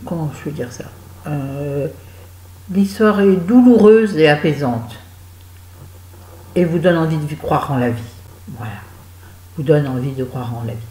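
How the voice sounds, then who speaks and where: A woman's voice: sits low, unhurried, pauses often, warm tone, echoey room, rough recording. A woman giving a chatty, digressive spoken book review, talking straight to her viewers.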